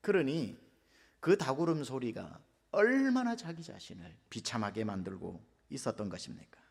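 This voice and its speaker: A middle-aged male pastor preaching a dramatic sermon, acting out inner voices and swinging from loud to hushed. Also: mid-range voice, sing-song, normal speed, creaky, husky. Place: large church sanctuary. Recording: long hall reverb.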